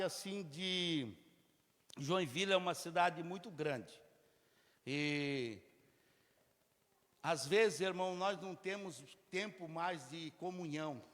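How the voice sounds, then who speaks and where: A man from Mato Grosso preaching from the pulpit in a strikingly high voice. He swings from shouted exhortation to hushed, homely storytelling. A long reverb trails every phrase, as if the sound fills a large church. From Mato Grosso, Brazil. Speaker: pastor. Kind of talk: sermon.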